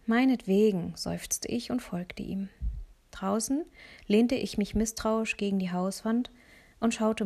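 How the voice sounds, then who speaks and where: Her medium-pitched voice carries a first-person children's audiobook narration that is lively and sprinkled with soft, breathy asides.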